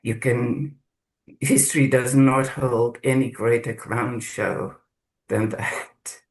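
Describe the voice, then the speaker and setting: Slow, halting man sharing reflectively. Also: mid-range voice, fairly even intonation, rough recording. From South Africa. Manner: slow, halting, searching for words. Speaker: course participant. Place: video call.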